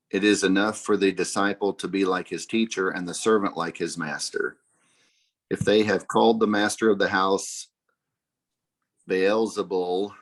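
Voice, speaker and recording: A man with a low, deep voice reads scripture aloud for a church class. His delivery is plain and steady, verse after verse. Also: poor audio. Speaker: class member reading scripture. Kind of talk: reading Bible verses aloud.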